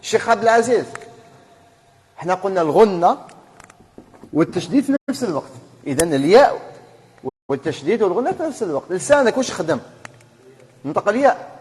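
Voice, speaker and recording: A man's voice: sits high, sing-song, fast talker, pauses often, darkish tone, big-room sound. A man with an Algerian Arabic accent teaching a classroom lesson on Quran recitation rules. He quizzes his students and then answers his own questions. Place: mosque hall.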